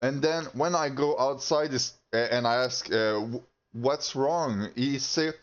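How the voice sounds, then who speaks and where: Brief: a man ranting to camera, fired up and foul-mouthed, stumbling over his words, mid-pitched, recorded on slightly muffled audio. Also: smooth. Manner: heated, profane, halting with restarts. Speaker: channel host. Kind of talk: casual rant to camera.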